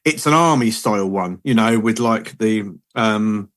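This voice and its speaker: A man's voice: lowish voice, a little slow, a bit bright. A man, hosting a podcast and telling rambling, chatty anecdotes in casual conversation. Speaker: podcast host. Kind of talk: casual chat.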